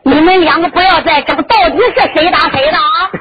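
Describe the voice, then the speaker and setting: A woman's voice: very high-pitched, fairly quick. A woman voicing a stern scolding emperor. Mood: questioning. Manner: scolding, commanding. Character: stern male emperor questioning a courtier. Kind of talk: traditional storytelling performance. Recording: dull lo-fi recording with instrument music.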